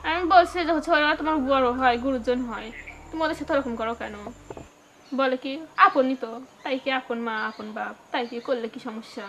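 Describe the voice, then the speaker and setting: A woman's voice: sits high, moderate pace, highs cut off, slight background noise. A woman playing a weary, pleading young wife. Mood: resigned. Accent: rural Pabna Bengali. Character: weary young wife defending her husband.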